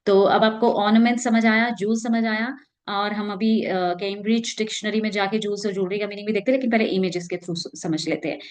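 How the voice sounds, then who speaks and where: A woman teaching an English vocabulary lesson, explaining patiently and reading dictionary definitions slowly. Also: medium pitch, steady tone.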